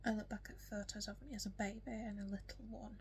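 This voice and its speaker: In her casual get-to-know-me vlog, a young West Yorkshire woman talks quickly in a soft, often whispery voice with a strong local accent, lots of ums, vocal fry and a hiccup here and there. Her pitch remains level and steady throughout, with faint background noise underneath.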